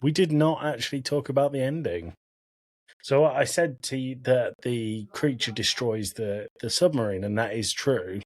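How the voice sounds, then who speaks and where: A podcast host with a medium-pitched voice, recorded without echo, talks about films in a casual, conversational style at normal speed.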